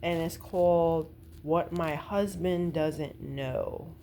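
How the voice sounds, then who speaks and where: Speaking slowly in a low, mellow voice with fairly even intonation, an American woman vlogger chats informally about a stage play. She recounts the plot with slang, personal opinions, and acted-out quotes, over a faint hiss or hum.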